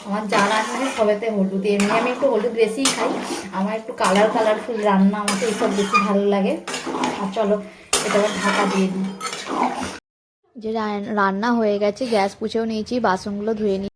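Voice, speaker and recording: A woman talks quickly and chattily to her viewers, walking them through her cooking. Her voice stays fairly flat in pitch, and a clear hiss of noise plus the sizzle and clatter of a home kitchen sits behind her. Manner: chatty, addresses viewers directly, frequent fillers. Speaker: home vlogger. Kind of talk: casual vlog narration while cooking.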